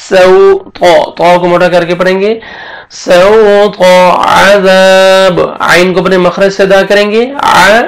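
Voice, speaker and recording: High, gravelly-voiced male Quran teacher. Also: low-quality recording. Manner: patient, explains letter by letter, then chants verses slowly. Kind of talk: tajweed lesson with slow chanted recitation.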